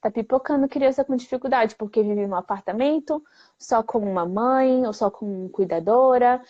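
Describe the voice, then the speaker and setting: A woman, a speech therapist answering viewer questions in a lively, plain-spoken way full of rhetorical questions. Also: fairly high pitch, moderate pace. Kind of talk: live Q&A explainer. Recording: dull lo-fi livestream audio.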